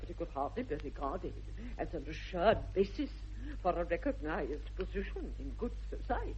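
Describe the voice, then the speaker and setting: A woman's voice: fairly low pitch, very animated, normal speed, darkish tone, a little hiss or hum. Imperious, swooping grande dame Lady Bracknell. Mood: scandalised. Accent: upper-class English. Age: older. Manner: imperious, haughty, theatrical swooping delivery. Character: formidable, snobbish older aristocratic lady. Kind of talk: 1960s British radio comedy acting. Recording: dull vintage radio recording.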